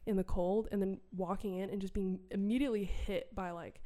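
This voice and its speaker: A woman from Wisconsin, a podcast guest, telling her personal faith story in an animated, conversational way and acting out her past self. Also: medium pitch, brisk. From Wisconsin, USA.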